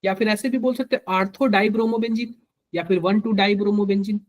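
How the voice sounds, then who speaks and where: A man's voice: sits high, fairly even intonation, fast talker. A man with a Hindi accent teaching chemistry to a live class, quizzing students and repeating each answer to drill it in.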